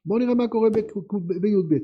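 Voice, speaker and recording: Very high-voiced male teacher. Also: husky, muffled recording. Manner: lively, asks students many questions. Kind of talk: classroom text lesson.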